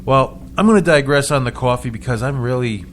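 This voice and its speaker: A man's voice: medium pitch, fairly quick, slight background noise. A man hosting a casual local radio talk show, chatting with frequent stumbling restarts and chuckles.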